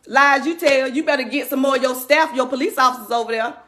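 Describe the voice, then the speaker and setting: An angry woman talks straight to her followers in a high, tense voice that is pitched up and pushed hard. She is shaking with anger and hammers every point with indignant emphasis. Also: fast talker, a bit bright. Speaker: community activist addressing followers. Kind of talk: impassioned direct-to-camera rant.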